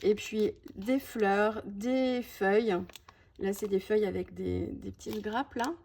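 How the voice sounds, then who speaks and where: A woman's voice: medium pitch, fairly even intonation, slow pace, vocal fry, a little mellow, slightly rough. A woman presenting a scrapbooking collection in a casual show-and-tell, chatty and full of small "hop" and "voilà" asides. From France. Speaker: scrapbooking video host.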